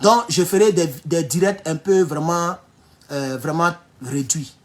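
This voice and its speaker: Male Ivorian French commentator, casual livestream delivery, animated and mocking, wide swings in loudness. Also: measured pace. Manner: animated, laughs often, mocking asides, swings from low mutters to loud outbursts. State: sore back. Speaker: online political commentator. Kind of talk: casual livestream talk reading viewer comments.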